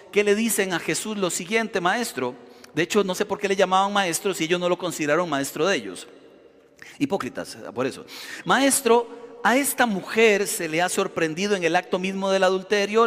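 A man preaching a sermon as a pastor, animated and acting out shouting crowds. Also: high voice. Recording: long hall reverb.

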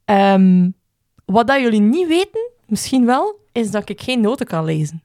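A woman with a Flemish accent and a low alto voice, co-hosting a podcast and telling stories in a lively way, swearing now and then. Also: moderate pace, dry recording, studio quality. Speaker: podcast co-host. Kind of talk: casual podcast chat.

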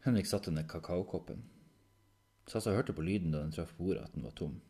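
A man narrating a children's story chapter with an expressive, dramatic reading. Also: low-pitched.

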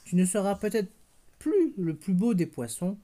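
A parent reading aloud and voicing a wise old octopus who gives calm advice from a dark cave. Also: mid-range voice, normal speed, pitched above the performer's own voice, lightly acted.

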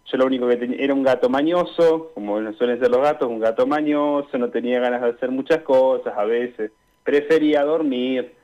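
A young adult man, a student guest who also performs in radio drama, answers interview questions casually over a call in an Argentine Spanish accent. His mid-range voice moves fairly quickly, and the call audio is dull and lo-fi.

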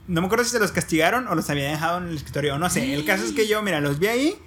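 A man's voice: high-pitched, expressive, racing, a bit bright, a little hiss or hum. A young man with a Mexican accent telling a funny story in slangy, casual chat. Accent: Mexican Spanish. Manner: slangy storytelling, laughing asides.

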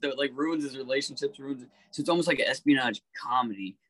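A man talking casually as a podcast guest, animated, swearing freely and pitching story ideas. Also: fast, poor audio.

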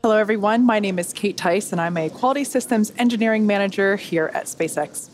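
A woman presenting a scripted launch webcast in a clear, explanatory manner as host. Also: medium pitch, fairly quick, soft background music. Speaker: webcast host and engineering manager.

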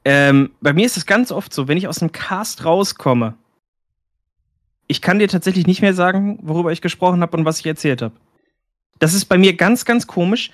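A man's voice: sits high, moderate pace, dry recording, clean studio sound. A man who commentates esports, chatting casually and a little hesitantly. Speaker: esports caster. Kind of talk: casual podcast chat.

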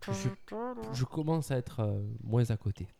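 A man's voice: medium pitch, expressive, moderate pace, vocal fry, warm tone. A man chatting casually about film news, playful and teasing, laughing often as he quizzes his co-host.

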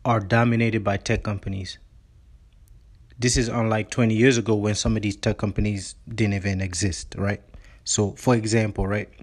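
Earnest male podcast host, low voice with vocal fry, explainer tone. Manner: earnest, explanatory, repeats words when restarting. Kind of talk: solo finance podcast.

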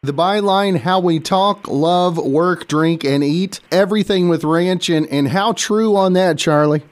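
A man's voice: sits high, measured pace. A male radio host reading scripted intros, then asking chatty interview questions and often repeating words as he goes.

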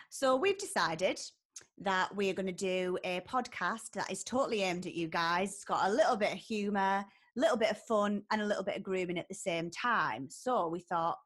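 A woman's voice: medium pitch, fairly bright tone. A woman chatting casually as a podcast host, in a breezy, jokey way.

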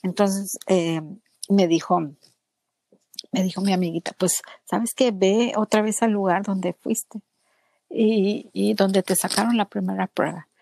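A woman tells a personal story in conversation, earnest and lively, speaking about her faith. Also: medium pitch, unhurried, creaky, no room sound. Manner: animated, acts out other people's words in quotes.

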